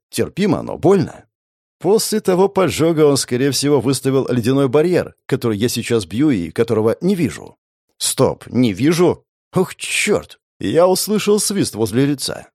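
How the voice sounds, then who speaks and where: A man's voice: mid-range voice, sing-song, normal speed, warm tone, dry recording, clean studio sound. A man giving gritty, intense first-person fantasy audiobook narration, swearing now and then.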